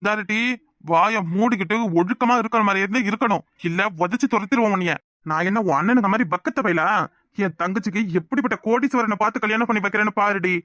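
A man's voice: high voice, fast, sharp tone, no echo, clean studio sound. A man voicing a hot-tempered bullying village husband in a cartoon, speaking in a threatening way with a Kanyakumari Tamil accent. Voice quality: threatening and gruff. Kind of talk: cartoon voice acting.

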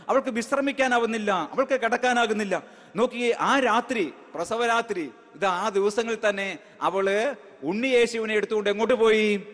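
A man's voice: sits high, a bit bright. A male priest preaching a sermon emphatically, calling out hallelujah and asking the crowd rhetorical questions. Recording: long hall reverb.

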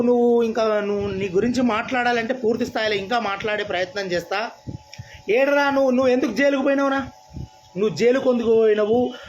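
Telangana man, very high voice, scornful political rant with faint background hiss. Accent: Telangana Telugu. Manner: scornful, taunting, rapid-fire questions. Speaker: political speaker.

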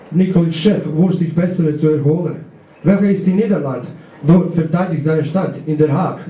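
A man reading his own poem at a poetry slam, halting, with fillers and non-native grammar. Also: fairly high pitch. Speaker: slam poet. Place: small bar at a live poetry slam. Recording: roomy, dull live recording.

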